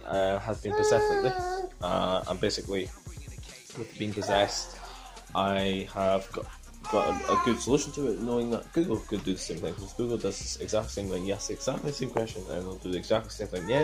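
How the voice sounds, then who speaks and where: A man gives a casual, halting, repetitive vlog update into a phone at arm's length in a room at home. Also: on the low side. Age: 20s. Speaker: vlogger.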